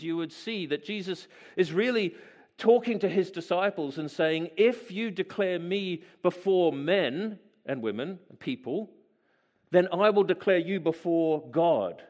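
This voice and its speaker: A man's voice: sits high, a little mellow, long reverb tail. A man preaching a sermon, reading scripture aloud and then explaining it in a conversational, musing way, asking his listeners questions.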